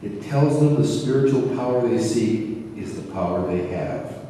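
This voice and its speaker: A man plays a warm, questioning elderly spiritual teacher for an amateur radio play, sounding reflective and sure of himself. His medium-pitched, mellow voice moves at normal speed with lively intonation, close to how he'd talk every day. The capture is distant and very echoey, made in a large hall, with faint noise.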